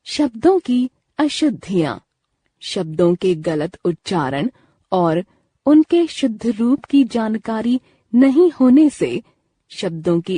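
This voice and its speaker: Woman reading a textbook lesson, very slow and lively in pitch, word by word, dry close sound. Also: breathy edge, no echo. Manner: reads each word slowly, one at a time. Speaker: textbook reader.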